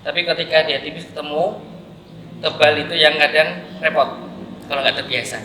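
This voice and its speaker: A man's voice: on the high side, moderate pace, sharp tone, a little hiss or hum. A man with a Javanese Indonesian accent teaching Quran recitation at a mosque class, patiently drilling syllables aloud by repetition. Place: large mosque hall. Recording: echoey mosque hall with crowd.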